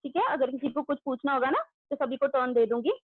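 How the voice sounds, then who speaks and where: A high-pitched woman teaches young pupils in an online class. She speaks loudly, names students one after another and praises correct answers. The audio is tinny and phone-like, with no room echo. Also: fast. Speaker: school teacher.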